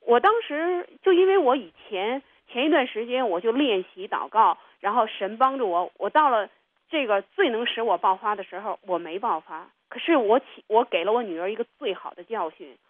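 A woman's voice: on the high side, expressive, a little fast, no echo. Woman, radio guest, earnest storytelling, tinny phone-like sound. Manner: earnest storytelling, acting out her children's voices. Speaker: interview guest. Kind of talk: personal testimony on a radio program.

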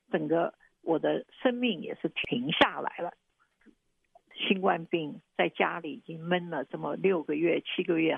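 A woman with a gravelly, husky voice giving a reflective, halting personal testimony. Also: deep voice, dry recording. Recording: tinny phone-line sound.

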